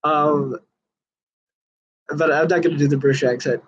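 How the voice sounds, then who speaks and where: This magician, whose voice is fairly high and steady at a normal speed, reviews a book while chatting to camera. The audio is dull, and his earnest talk about magic wanders, with lots of fillers and false starts.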